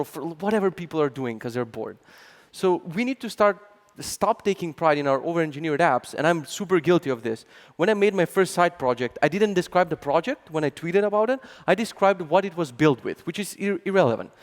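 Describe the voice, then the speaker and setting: A man speaking on stage at a conference, with a sarcastic, animated storytelling delivery full of mock quotes. His voice sits a little higher than most men's. A long hall reverb trails behind every phrase. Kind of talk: conference talk.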